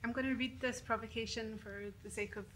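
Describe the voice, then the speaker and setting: Woman, Glaswegian accent, arts panel speaker reading from prepared text, measured delivery. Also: fairly high pitch, fairly even intonation, a bit bright. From Glasgow, Scotland. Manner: deliberately paced for interpreters. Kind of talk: prepared statement read aloud.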